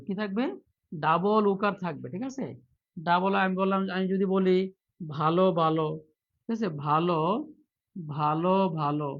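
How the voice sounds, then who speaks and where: A man teaches a live online class for job exams, drilling his viewers with the same question again and again. His voice sits high for a man. The stream audio is dull and lo-fi. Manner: repeats questions over and over, quizzing viewers; reads viewer comments aloud, softer. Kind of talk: live online exam-prep lesson.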